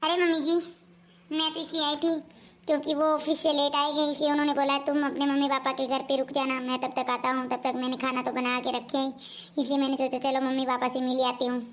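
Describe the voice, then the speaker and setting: A woman plays a grown daughter who can't stop meddling in her mother's household, her voice pitched high and her tone reproachful. She nags and warns in an amateur family skit, with faint hiss in the background. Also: monotone, a little fast. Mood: scolding. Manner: nagging, reproachful.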